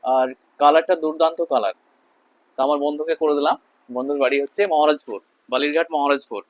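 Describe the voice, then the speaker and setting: A male shopkeeper pitches products at a rapid pace, repeating key selling points with emphasis. His voice sits a little high, and the sound is fairly dry and close. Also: fairly even intonation, no echo, low-quality recording. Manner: repetitive, emphatic promotional delivery. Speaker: shopkeeper presenting a promotional video. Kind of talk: sales pitch to camera with customer chat.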